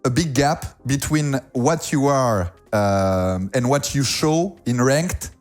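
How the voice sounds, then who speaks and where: A male host whose first language is French interviews a guest in English, teasing him lightly as they go. His voice sits at an ordinary middle pitch. Faint music plays underneath. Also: expressive, slow. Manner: lightly teasing, laughs often. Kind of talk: casual interview.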